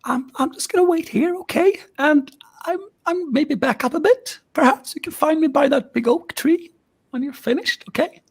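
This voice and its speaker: A man's voice: extremely high pitch, normal speed, vocal fry, voice pushed up. A man voicing a timid older woman friend, hesitant and stammering, with Swedish as his first language. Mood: nervous. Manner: hesitant, stammering, backing away.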